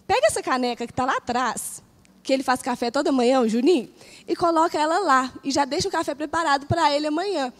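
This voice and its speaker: A woman voicing a gentle, calm divine inner voice that speaks in a measured, teaching way, over music at a live church talk. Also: high-pitched, lightly acted.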